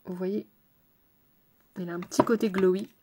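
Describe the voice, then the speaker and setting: A woman's voice: fairly low pitch, fairly even intonation, normal speed, background noise. A woman makeup artist talking casually through a makeup tutorial, speaking straight to her viewers with playful asides to someone off camera. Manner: chatty, addresses viewers directly.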